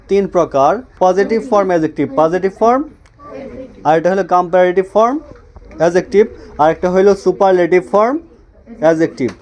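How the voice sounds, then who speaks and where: A man teaching an English grammar lesson in class. He asks questions, answers them himself, repeats phrases slowly and drills his students. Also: high voice, darkish tone. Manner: drills students with call-and-response.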